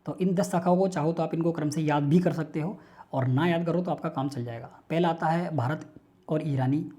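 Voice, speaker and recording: Mellow-voiced teacher drilling word lists. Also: medium pitch, normal speed. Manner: drills lists by rhythmic repetition; patient, coaxing student address. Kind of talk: online class lecture.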